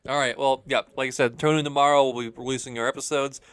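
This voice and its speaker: A man hosting a podcast in casual chat, relaxed and joking, sometimes hesitant. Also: mid-range voice, fast, no room sound. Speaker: podcast host.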